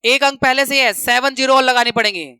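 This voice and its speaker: High, bright-voiced maths teacher. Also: male voice, fairly even intonation, fast, smooth, dry recording. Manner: counts steps aloud, repeats rules to remember. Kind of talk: classroom lesson explanation.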